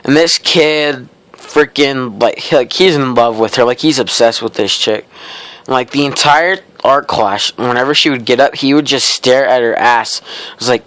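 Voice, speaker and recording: Teen male vlogger, mid-pitched, smooth clear tone, dry sound, loose rambling delivery. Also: a bit bright, no echo. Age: teens. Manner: rambling, heavy use of "like"; laid-back, wry. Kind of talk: casual storytelling to camera.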